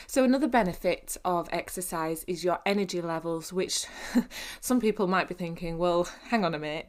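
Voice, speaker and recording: Woman coaching in a low, chatty voice. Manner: conversational, encouraging, many fillers and restarts. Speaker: fitness coach. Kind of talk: podcast monologue.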